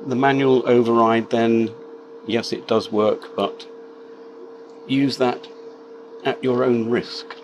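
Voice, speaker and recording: A man giving a measured, matter-of-fact step-by-step demonstration as a tutorial presenter, recorded with machine noise behind him. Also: mid-range voice, fairly even intonation. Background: laser cutter machine noise.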